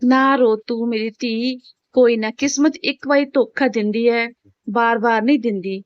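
A loving widowed mother soothes her heartbroken daughter, voiced by a woman narrator. Her tone stays soft and tender, and the recording is dull and dry. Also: on the high side, normal speed, no room sound, lightly acted.

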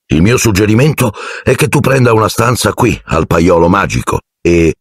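A man's voice: on the low side, lively intonation, normal speed, slightly rough, no echo, studio quality, voice pushed up. A man doing Fudge, a jovial fussy minister. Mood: jovial, patronizing. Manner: genial, patronizing, evasive. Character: fussy jovial middle-aged male minister.

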